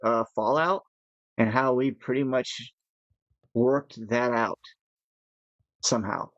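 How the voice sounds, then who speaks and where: A man's voice: mid-range voice, slow, no room sound. A man talks loosely over a gaming session, piling up restarts and breaking into nervous laughs. His voice sits in a middle register. The recording is dry and slightly dull, like a basic home headset mic. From United States. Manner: rambling, nervous laughs, animated. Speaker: gaming podcast co-host. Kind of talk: casual chat while gaming.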